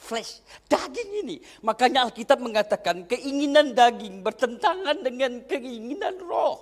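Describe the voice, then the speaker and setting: High, lively-voiced emotional preacher man. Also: normal speed. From Aceh, Indonesia. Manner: emotional storytelling, swinging from hushed to shouting; addresses congregation directly. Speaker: pastor. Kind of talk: sermon.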